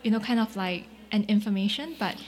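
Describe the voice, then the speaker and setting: A woman's voice: medium pitch, a little fast, a little hiss or hum. A woman from Singapore with a Singaporean accent, talking casually and often ending points with a questioning tag. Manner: relaxed, agreeable, with many "right?" tags and "mm-hmm". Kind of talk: casual conversation.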